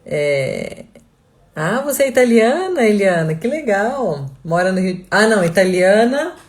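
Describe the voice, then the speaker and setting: A woman's voice: medium pitch, sing-song, a little slow. Chatty woman greeting live viewers. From Blumenau, Santa Catarina, Brazil. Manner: chatty, reads out viewers' names and towns, laughs easily. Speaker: online course instructor. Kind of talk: casual live-class greeting.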